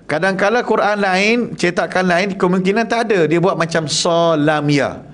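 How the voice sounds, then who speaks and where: In a prayer hall, a man with a Malaysian Malay accent teaches a class Quran recitation in a lively, jokey way, quizzing his listeners and demonstrating Arabic sounds. He speaks in a high voice at normal speed.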